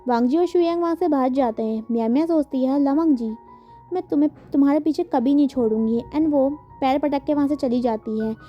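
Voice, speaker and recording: A woman with a high voice reads a fan story aloud, giving every character's lines in her own plain voice and slipping English words into her sentences. The recording is dull and lo-fi, with faint music under her voice. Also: a little fast. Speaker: fan fiction narrator.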